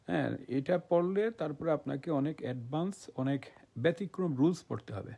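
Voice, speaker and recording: A man gives a grammar lesson. His voice is gravelly and husky, with a dark, mellow tone. He explains slowly and repeats himself, and he keeps asking whether his listeners have understood. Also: fairly high pitch. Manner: repetitive, checks understanding often with rhetorical questions; spells words out letter by letter. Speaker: English grammar teacher.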